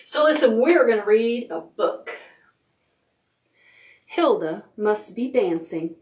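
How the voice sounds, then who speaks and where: Her voice sits on the high side as she, a children's librarian running preschool storytime, reads a picture book aloud. The reading is rhythmic and expressive, with elongated words.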